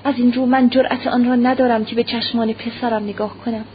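Brief: dying young noblewoman, feverish and pleading, read by a woman, raised pitch, dull recording with light hiss. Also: steady tone, lightly acted. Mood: yearning. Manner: urgent, breathless pleading. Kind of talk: audiobook character reading. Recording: muffled lo-fi recording, faint hiss.

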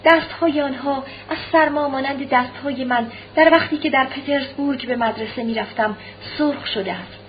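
Brief: a woman voicing a proud, despairing young noblewoman, soft and low-key, fairly high voice, muffled audiobook recording. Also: slight background noise, close to an everyday voice. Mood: sorrowful. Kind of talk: audiobook reading.

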